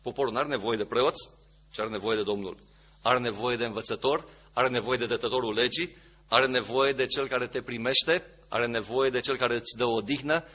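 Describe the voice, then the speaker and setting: A man's voice: medium pitch, fairly even intonation, bright, forceful tone, husky, lo-fi sound. A man preaching a sermon, emphatic, repeating key phrases and asking rhetorical questions.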